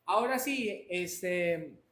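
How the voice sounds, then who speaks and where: A man's voice: high-pitched, lively intonation, very slow, fairly bright tone. A man teaching an English class live online, answering students by name and switching between Spanish and English. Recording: roomy echo, faint noise.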